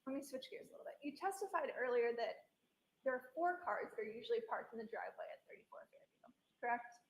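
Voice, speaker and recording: Lady lawyer grilling a witness, high-ish gravelly voice, echoey courtroom recording. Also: lively intonation, fast. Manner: pointed, leading questions. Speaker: trial attorney. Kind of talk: courtroom cross-examination.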